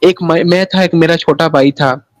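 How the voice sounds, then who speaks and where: A man's voice: a little high, steady tone, normal speed, rough recording. A man from Pakistan, telling his personal story in an interview in a rambling way, often repeating the same tag phrases. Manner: rambling, keeps repeating "sahi hai na" and restarting phrases. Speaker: interview guest.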